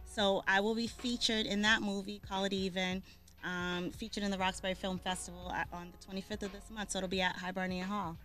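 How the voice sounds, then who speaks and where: With soft background music behind her, a Boston, Massachusetts woman talks a little fast in a mid-range, slightly bright voice with little pitch movement. As a guest on the show, she keeps the interview talk casual and chatty. She laughs easily and often says um or starts over.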